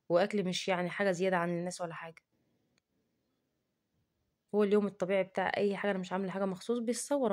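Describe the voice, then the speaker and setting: Fast-talking Egyptian woman vlogger. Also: medium pitch. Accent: Egyptian Arabic. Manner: indignant, defensive rant with rapid talk. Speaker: cooking vlogger. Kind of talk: casual talking-to-camera vlog.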